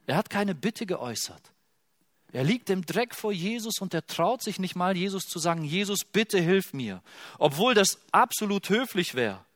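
A man preaching a sermon, telling a Bible story and switching from hushed quotes to loud, emphatic passages. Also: sits high, moderate pace, dry recording, clean studio sound. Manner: expressive, swings from hushed to loud when quoting.

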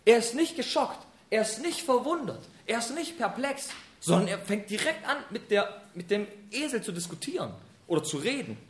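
Animated, high-voiced preacher man. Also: moderate pace, few pauses, slight background noise. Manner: animated, colloquial storytelling. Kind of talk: sermon. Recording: echoey room.

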